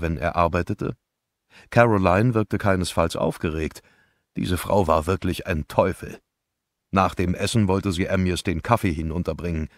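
A man reading an audiobook in scripted first-person narration, measured and grave. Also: sits low, no room sound, studio quality.

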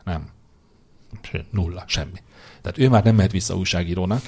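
A man with a very low, husky voice chats on a podcast, teasing his co-host and confidently making predictions. He talks in an opinionated, mocking way, with quick jabs and asides. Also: darkish tone. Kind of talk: casual political chat.

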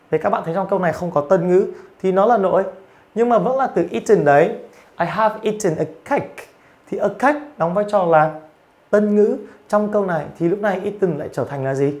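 A man's voice: on the high side, a little mellow. A man teaching, giving an online grammar and pronunciation lecture and explaining patiently with frequent fillers. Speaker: English teacher.

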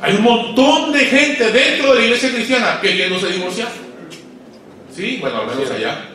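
High-voiced preacher in an echoey hall. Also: male voice, animated, normal speed. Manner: swings between loud emphatic peaks and low quiet asides; asks the audience questions and waits for replies. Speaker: guest pastor. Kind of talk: sermon to pastors. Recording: echoey hall, voice far from mic.

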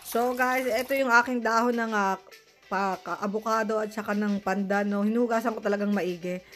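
A woman's voice: mid-range voice, fairly even intonation, normal speed, a bit bright, faint music behind. A woman with a Filipino accent, chatting casually to viewers in a home vlog while getting over the flu, her voice a little changed by it. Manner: chatty, addresses viewers as guys. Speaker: vlogger. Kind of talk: casual cooking and gardening vlog.

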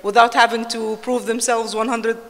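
A woman's voice: on the high side, little pitch movement, normal speed. Assertive woman panelist in a hall. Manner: assertive, listing points. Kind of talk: panel discussion answer. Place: large conference hall stage. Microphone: handheld mic. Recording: reverberant hall.

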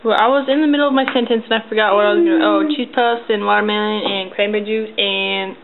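A woman's voice: mid-range voice, fairly even intonation, quick pace. A young woman filming a casual party video indoors on a handheld camera, joking with her viewers. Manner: playful, addresses the camera as "audience". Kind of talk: casual home video chat. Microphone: handheld camera mic. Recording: tinny lo-fi camera audio with hiss.

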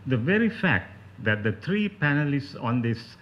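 A man's voice: medium pitch, big pitch swings, unhurried. A man with a Sri Lankan accent giving an academic talk as a panelist, in a scholarly, explanatory manner. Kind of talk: spoken academic lecture. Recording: dull, lo-fi talk recording.

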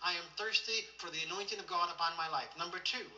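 A man preaches a teaching session, drawing the congregation into repeated declarations and walking them through verses. His voice is high and piercingly bright. He is recorded from a distance in an echoey room, with a muffled, lo-fi quality. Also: fast talker. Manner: directs listeners to underline verses. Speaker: pastor. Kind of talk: church teaching with call-and-response. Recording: echoey, distant, dull lo-fi sound.

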